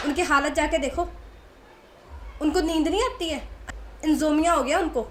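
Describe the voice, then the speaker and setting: A woman's voice: high-pitched, slight background noise, voice pushed up, natural voice. A woman doing a tearful pleading young niece. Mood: urgent. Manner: urgent, pleading, close to tears.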